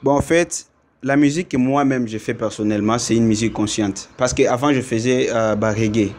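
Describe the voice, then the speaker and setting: Congolese musician talking things through. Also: male voice, mid-range voice, fairly quick, a little mellow, a little hiss or hum. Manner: thoughtful, explains at length with fillers. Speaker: musician guest. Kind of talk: casual interview talk.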